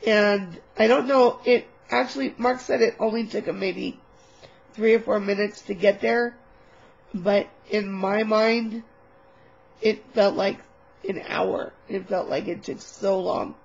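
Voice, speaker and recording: A woman vlogger telling a personal story in a casual, animated, candid way, swearing now and then, on a webcam mic. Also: mid-range voice, a little slow, gravelly, breathy edge, muffled recording.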